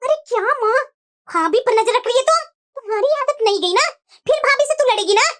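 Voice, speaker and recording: A woman's voice: extremely high pitch, expressive, brisk, a bit bright, pitched above the performer's own voice. A woman putting on the voice of a reproachful grown daughter in a cartoon moral story. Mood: scolding. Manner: scolding, reproachful. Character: young adult daughter, scolding and indignant.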